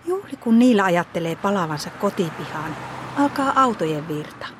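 Calm woman reading a children's story. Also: on the low side, noisy background. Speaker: storybook reader.

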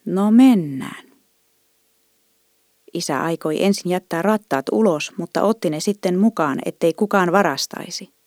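A woman reading a children's story aloud in a gentle, even storytelling manner. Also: on the low side, dry recording, studio quality. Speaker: narrator.

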